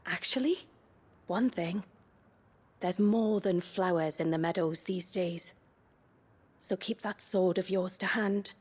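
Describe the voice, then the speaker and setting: A teasing tavern flirt who drawls slowly in a breathy, husky voice. Her tone stays coy and playful. She is a video game figure. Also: on the low side, darkish tone. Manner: slow and coy, with frequent laughs.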